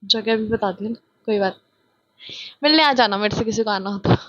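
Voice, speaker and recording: A young woman from India with a childlike voice, chatting loudly and excitably through a casual vlog, filmed on a phone on a tripod. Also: mid-range voice, normal speed, no echo, dull audio. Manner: chatty, self-mocking, loud and excitable. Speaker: vlogger.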